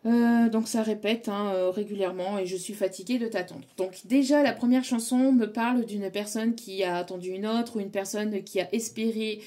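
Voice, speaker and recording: A woman's voice: mid-range voice, steady tone, normal speed, few pauses, warm tone. A woman with a French accent giving a casual tarot guidance talk, hesitant and full of fillers. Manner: hesitant, many fillers and restarts. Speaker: tarot reader.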